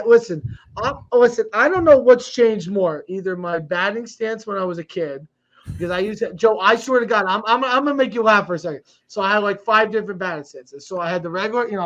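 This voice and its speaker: Casting: high-voiced male podcast co-host, rambling storyteller, slightly dull lo-fi sound. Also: a bit bright. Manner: rambling storyteller, laughs often. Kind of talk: casual chat. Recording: dull lo-fi audio.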